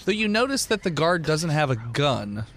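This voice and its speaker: With a fairly high, slightly bright voice, a podcast host acting as game master narrates scenes off the cuff, very animated but at normal speed. The style is casual and conversational, and background noise can be clearly heard.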